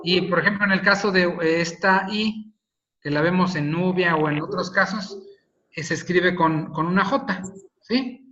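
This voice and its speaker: A man's voice: high voice, a little slow, sharp tone. A man teaching a phonetics lesson over a video call, explaining patiently and checking in with his listeners. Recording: slightly dull video call audio, faint noise.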